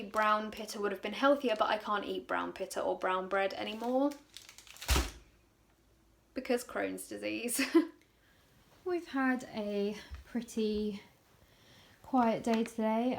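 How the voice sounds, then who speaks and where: A young woman in her twenties chatting casually in a vlog, tired and out of breath, laughing often between fillers. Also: mid-range voice. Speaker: vlogger.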